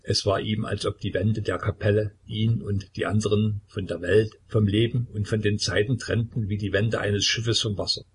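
Low, husky male storyteller. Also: fairly even intonation. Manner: measured, grave. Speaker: audiobook narrator. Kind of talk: scripted literary narration.

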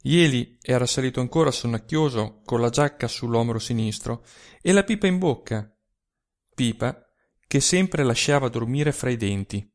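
A man narrating a literary short story for a volunteer audiobook in an expressive reading style. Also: medium pitch, normal speed.

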